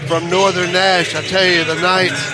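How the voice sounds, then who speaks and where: High-voiced man analysing basketball pregame. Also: flat delivery, normal speed. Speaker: basketball color commentator. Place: gymnasium. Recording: clear gym background noise.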